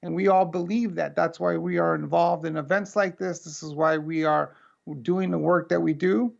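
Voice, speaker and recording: Over a video call with muffled, lo-fi audio, an American man from the United States delivers an earnest, conversational keynote. His voice is fairly high and gravelly, with a steady tone at normal speed.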